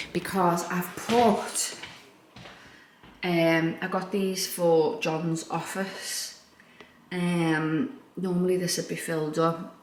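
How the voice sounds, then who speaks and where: A woman chatting casually as a home vlogger, thinking aloud in an informal, self-deprecating way. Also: on the low side. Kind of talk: casual chatty room-tour vlog. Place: indoors in a living room. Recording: echoey room, background noise.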